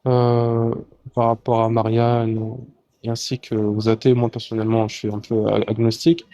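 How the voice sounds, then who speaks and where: A man calmly mediating in a live debate, speaking with many fillers. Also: medium pitch, dry recording, lo-fi sound. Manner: measured, filler-heavy. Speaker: debate participant. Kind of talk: calm mediation.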